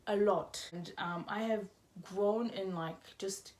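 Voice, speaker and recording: A woman's voice: medium pitch, steady tone, slow, darkish tone. A woman in her twenties talking casually to camera as a vlogger, chatty and rambling, correcting herself as she goes. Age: 20s. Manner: chatty, rambling, self-correcting, laughing asides.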